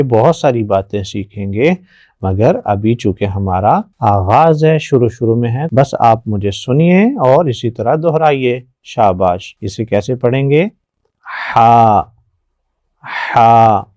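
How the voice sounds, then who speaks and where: Man, Quran teacher, patient, encouraging, mellow, dry close mic. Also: medium pitch, no room sound. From Pakistan. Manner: patient, praising often, slow drilled repetition. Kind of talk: letter lesson for children.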